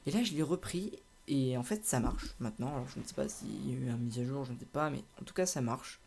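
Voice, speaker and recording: A man's voice: medium pitch, fast talker, gravelly, darkish tone, a little hiss or hum. A young man chatting casually over his gameplay, rambling with lots of hesitations and restarts. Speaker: gaming channel host.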